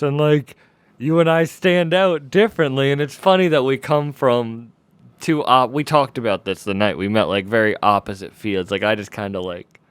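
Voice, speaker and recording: Laid-back young man, smooth and dry. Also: mid-range voice, dry recording. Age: 20s. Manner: laid-back, rambling, frequent "like". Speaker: podcast host. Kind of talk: casual podcast conversation.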